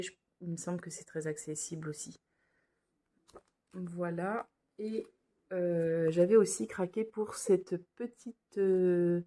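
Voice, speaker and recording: Slow, mellow-voiced woman vlogger. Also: on the low side. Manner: hesitant, many fillers and restarts. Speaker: cross-stitch vlogger. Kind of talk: casual show-and-tell vlog. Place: indoors at home under a lamp.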